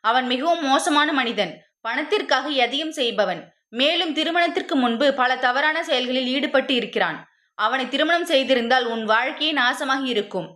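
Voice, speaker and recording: A woman voicing a caring middle-aged mother who explains things gently to her daughter in a spoken story. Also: sits high, moderate pace. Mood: earnest.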